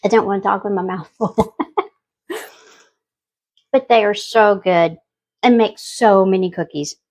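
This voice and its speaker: A woman's voice: medium pitch, highs cut off. A woman hosting a casual cooking demonstration, chatty and homey as she talks viewers through each step. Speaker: home cooking channel host.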